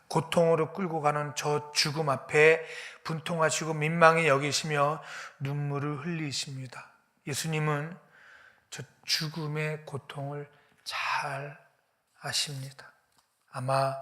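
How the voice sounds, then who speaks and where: A man's voice: on the high side, sharp tone. A male pastor preaching a sermon, retelling the story dramatically and often dropping his voice to a whisper.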